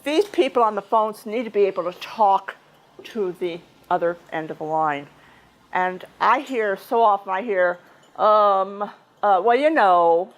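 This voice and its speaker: A woman speaking to a small club meeting in a restaurant room. Her talk is chatty and conversational, full of restarts and little asides. Her pitch sits in the middle range, and she sounds like she is talking rather than reading. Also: low-quality recording. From United States. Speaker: club member giving a speech. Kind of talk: informal prepared speech at a club meeting.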